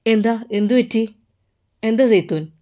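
A woman voicing a gentle, worried husband who speaks softly and a little lower. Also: measured pace, lightly acted. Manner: soft, lowered, concerned.

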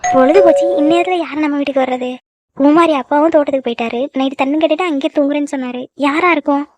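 A woman's voice: high voice, steady tone, rapid-fire, darkish tone, no room sound, close to an everyday voice. A woman voicing a fussing cartoon village mother. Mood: scolding. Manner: scolding, then tearful and doting. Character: scolding, emotional middle-aged village mother. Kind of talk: cartoon voice acting.

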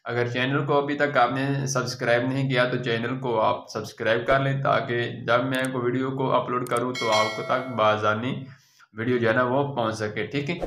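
A tailor with a medium-pitched, slightly bright voice gives a step-by-step how-to demonstration of ironing, patiently guiding viewers and checking in after each step. The recording is reverberant.

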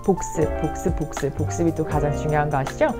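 A woman teaching an online English lesson, who mixes explanations with slow, carefully enunciated example sentences and keeps checking in with the viewer. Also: deep voice, steady tone, music in the background. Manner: frequent check-ins with the viewer.

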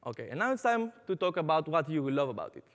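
Very animated and brisk, a young man from Greece gives an upbeat conference talk on stage in a large hall, speaking with a Greek accent and frequent "uh" fillers. His fairly high voice is a bit bright, trailed by long reverb.

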